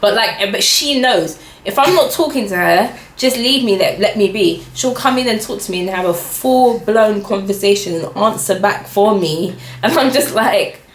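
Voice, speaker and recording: A young woman chats animatedly, laughing often and packing her talk with "like". Her voice sits at a middling pitch. The recording carries a roomy echo. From England. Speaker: vlogger. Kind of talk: casual chat.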